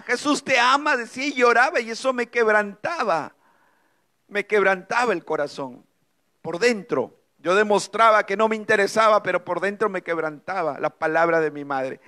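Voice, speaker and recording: A middle-aged man giving an emotional testimony as a speaker at a church conference, preaching with dramatic pauses. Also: sits high, bright, forceful tone.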